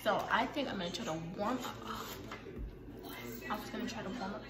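A young woman vlogs while baking in her home kitchen, speaking casually in a mid-range voice a little on the fast side. Unsure of herself, she teases herself and reasons out loud, with pop music loud in the echoey room.

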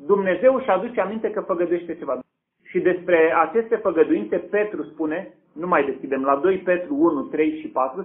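A man preaching a sermon in a fairly high voice, posing questions to his congregation and answering them himself. The recording sounds thin and tinny, as if it came over a phone line.

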